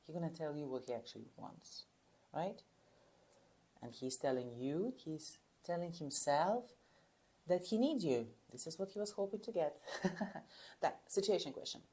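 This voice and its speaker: Woman sales coach, emphatic and instructive, lowish mellow voice. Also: lively intonation, measured pace, long pauses. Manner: emphatic, acts out client and agent lines. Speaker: real estate sales coach. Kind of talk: coaching on cold-call scripts.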